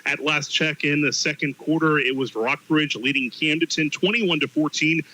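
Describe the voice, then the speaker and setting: A man's voice: a little high, moderate pace, bright, forceful tone, poor audio. A man co-commentating on a live sports broadcast, talking conversationally from the booth. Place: stadium press booth.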